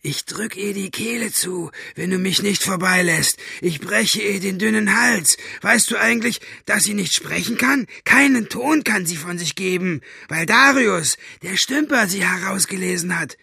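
A man's voice: high-pitched, moderate pace, gravelly, sharp tone, breathy edge, dry recording, studio quality, pitched above the performer's own voice, exaggerated voice. A man voicing a sneering, brutal male henchman who taunts in a gloating way. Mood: gloating menace.

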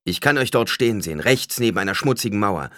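A man's voice: fairly low pitch, animated, quick pace, bright, forceful tone, dry recording, clean studio sound, pitched above the performer's own voice. A male reader voicing a blinded young male leader in an audiobook, speaking firmly and with command. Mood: calm assurance. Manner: raised, commanding, firm. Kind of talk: audiobook character voice.

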